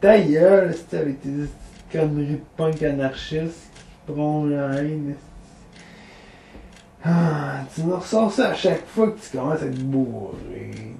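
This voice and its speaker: A man's voice: fairly high pitch, lively intonation, a little slow, creaky, dark tone, slight background noise. A cynical young punk with a Québécois accent, played by a man, mocking and swearing in a slightly raised voice. The room around him is echoey. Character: cynical young male Quebec punk drinker. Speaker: punk character. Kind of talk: amateur film acting.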